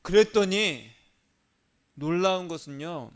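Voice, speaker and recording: Male pastor preaching, chatty, lots of rhetorical questions, slightly high voice. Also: takes it slowly, a bit bright. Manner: conversational, asks rhetorical questions, acts out inner voices. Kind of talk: sermon.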